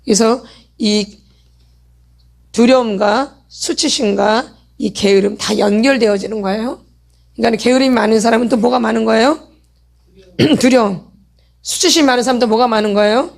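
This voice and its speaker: A slightly high, creaky and somewhat mellow female voice moves at normal speed, pausing often. It belongs to a middle-aged woman leading a church healing meeting, whose sermon lecture is built on questions she puts to the audience and then answers herself.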